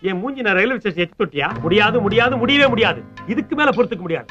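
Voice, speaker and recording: A whiny, scheming nephew, rattles on in fast, high, bright complaints. His lines come from a dull-sounding film soundtrack with music underneath. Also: expressive. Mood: complaining. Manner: whining, complaining comic patter. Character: whiny scheming young man, nephew, comic. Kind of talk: film comedy acting.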